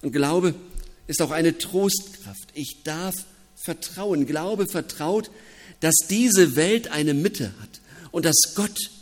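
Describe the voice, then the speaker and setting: Slow-speaking pastor in a reverberant church. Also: male voice, fairly high pitch, faint music behind. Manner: reflective, personal, with pauses. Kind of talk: sermon.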